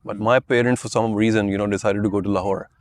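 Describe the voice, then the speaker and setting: A fast-talking man in his fifties, originally from Pakistan, with a lowish voice and fairly even intonation, tells his life story as a podcast guest. His relaxed interview answers ramble, loosely peppered with "you know" and "I mean."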